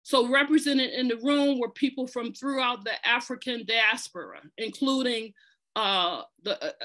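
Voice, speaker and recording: With a slightly high, sharp-toned voice, a woman tells an organization's story on her podcast. Part of it is read aloud, and her earnest, conversational delivery includes fillers and restarts.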